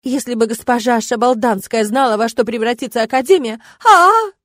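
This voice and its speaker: A woman's voice: on the high side, steady tone, a little fast, darkish tone, no room sound, lightly acted. A woman voicing an outraged middle-aged female dorm warden who shrieks her lines. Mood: outraged shrieking.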